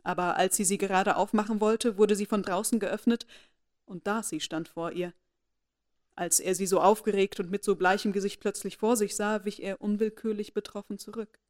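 A woman's voice: medium pitch, fairly even intonation, normal speed, darkish tone. Woman narrating a classic novel. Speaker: audiobook narrator. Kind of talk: scripted narration.

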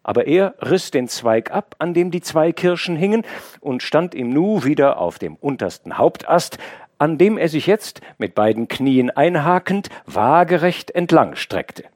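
A man reading a classic novel aloud as an audiobook narrator, in a measured, expressive storytelling manner. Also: dry recording, clean studio sound. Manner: measured, expressive storytelling with wide pitch movement. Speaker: audiobook reader. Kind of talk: scripted literary narration.

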